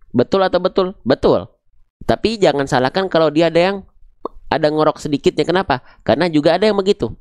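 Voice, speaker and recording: A man's voice: mid-range voice, darkish tone, smooth, dry recording, studio quality. A young man, teaching Quran recitation on a live stream, patiently explaining and checking on his viewers. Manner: demonstrates letter sounds slowly and drawn out. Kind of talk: live-streamed tajwid lesson.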